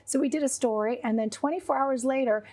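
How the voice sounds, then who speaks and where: A woman's voice: high-pitched, fast talker, mellow. A woman hosting a podcast in a TV studio, upbeat, enthusiastic and chatty with her guest. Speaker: podcast host.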